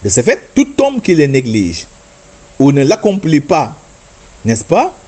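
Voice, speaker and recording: A man teaching a religious lesson in a slightly husky voice. His pitch moves a lot as he explains points patiently and sings out words to show how they should sound. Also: wildly swooping pitch, measured pace, dark tone. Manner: patient, explanatory, demonstrates chanted Arabic words and repeats "n'est-ce pas". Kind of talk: religious instruction talk.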